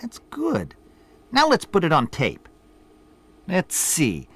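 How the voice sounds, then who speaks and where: A man's voice: high-pitched, huge pitch swings, takes it slowly, gravelly, fairly bright tone, husky, heavily acted. An actor playing a boastful, teasing middle-aged boss who instructs his apprentice in scripted promotional dialogue. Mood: bossy. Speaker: boss character in a promo video.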